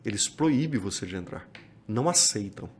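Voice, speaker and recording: A Brazilian pastor, telling a travel story as a podcast guest. He is a lively storyteller who acts out quoted dialogue. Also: fairly low pitch, normal speed, a little hiss or hum. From Minas Gerais, Brazil. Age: 50s.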